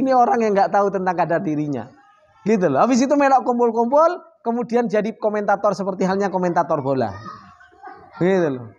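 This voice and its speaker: A man's voice: sits high, muffled recording. Guy teaching a religious study group, chatty, keeps asking the crowd questions. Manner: lively, asks the audience rhetorical questions; reads Arabic phrases then explains them. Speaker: Islamic teacher. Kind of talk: casual religious study talk.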